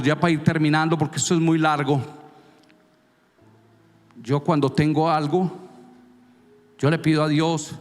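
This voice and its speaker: Male pastor, fairly high voice, emphatic preaching, echoing church hall. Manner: emphatic, conversational preaching with repeated questions. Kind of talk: sermon. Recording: long reverb of a church hall.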